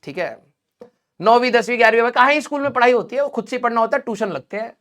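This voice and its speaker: A man's voice: very high-pitched, quick pace, fairly bright tone. A male teacher casually telling his students a personal story, full of fillers and laughing as he talks. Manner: chatty, fillers like "ठीक है" and "भाई साहब".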